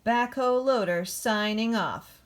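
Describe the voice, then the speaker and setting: In this picture-book read-aloud, a woman gives voice to a keen storybook backhoe loader boasting about its messy job. She pushes her voice up a little higher, sounding cheerful and proud, and her playful, emphatic delivery is very slow and deliberate, each word set well apart.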